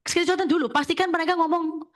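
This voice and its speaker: A woman, an insurance agency leader briskly coaching listeners and checking in with them as she talks. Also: extremely high pitch, steady tone. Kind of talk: sharing tips at a talk session.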